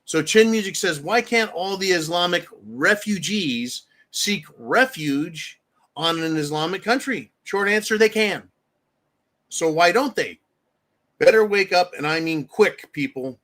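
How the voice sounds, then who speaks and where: A man's voice: high voice, expressive, measured pace, a bit bright. A man hosting a live stream, talking bluntly with heavy profanity and acting out the people he talks about. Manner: blunt, profane ranting, acts out quoted voices. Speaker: livestream host. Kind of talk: casual live-stream commentary.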